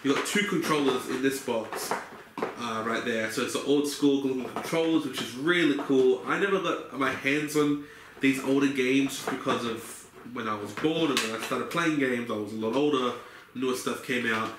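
A man's voice: medium pitch, normal speed. Young aussie guy chatting about his gifts, lots of uhs, roomy echo and a bit of hiss. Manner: relaxed, rambling, many fillers. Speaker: vlogger. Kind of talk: casual haul video. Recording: echoey room with faint noise.

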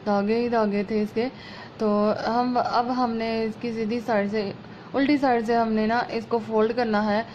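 In her casual sewing tutorial, a female vlog host explains each step chattily and homely while she works, her somewhat high voice carrying a darkish tone and a slight hoarse rasp from a sore throat. She films at home over a work table with a phone camera aimed at her hands, so the audio is muffled and lo-fi with faint room noise.

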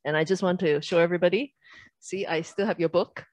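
A woman's voice: fairly low pitch, fairly even intonation, a little fast, darkish tone, no echo. Woman moderator introducing a guest. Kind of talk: formal introduction.

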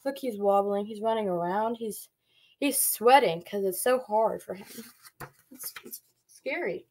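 In a small, dim bedroom, a young woman reads a picture book aloud to little kids, stopping to explain and question them. She's a preschool read-along storyteller with a medium-pitched, darkish voice and a slightly slow delivery.

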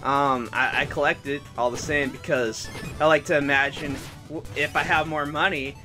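A man's voice: on the high side, fairly even intonation, normal speed, over music. A man hosting a let's play, chatting casually over gameplay, rambling and stammering and poking fun at himself. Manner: rambling, stammering, self-deprecating.

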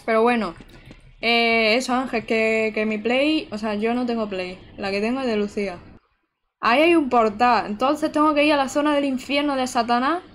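Young female streamer, casual and chatty, voice on the higher side, light room noise. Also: normal speed. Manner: chatty, talks to chat while playing. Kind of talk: live gameplay commentary.

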